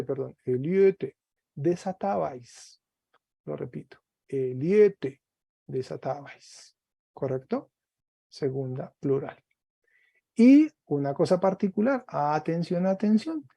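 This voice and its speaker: A man teaching Greek in an online class, speaking slowly and patiently, repeating words for students over a video call. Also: a little high, creaky, dark tone, no echo.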